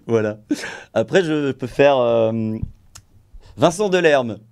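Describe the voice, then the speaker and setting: A man's voice: mid-range voice, animated, slow pace, creaky, darkish tone, clean tone. A man hosting a live stream, chatting casually about music production and his own impressions, rambling and self-mocking.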